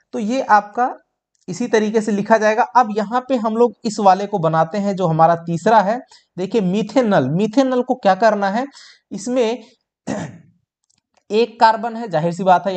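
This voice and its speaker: A man's voice: high-pitched, darkish tone. A man teaching a tenth-grade science exam lesson, calling his students children and answering his own questions as he works through each step. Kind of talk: exam-prep board lesson.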